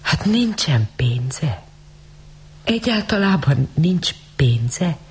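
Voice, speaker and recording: A woman voicing a poor, shivering young woman in an audiobook story, speaking in a hesitant, stammering hush. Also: low voice, big pitch swings, slight background noise. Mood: timid pleading.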